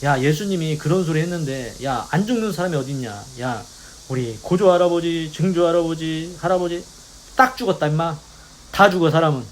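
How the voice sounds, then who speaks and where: Male preacher acting angry scoffing accusers: loud, sharp, mocking. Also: on the high side, brisk, a little hiss or hum, close to an everyday voice, rough recording. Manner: shouting, scolding.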